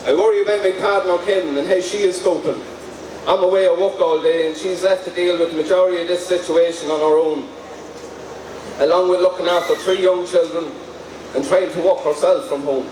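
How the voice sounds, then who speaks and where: A man's voice: high voice, fairly even intonation, fairly quick, a little mellow. A man with an Irish accent reading out a prepared personal speech at a rally. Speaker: speaker at a rally. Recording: echoey, distant microphone, noisy background.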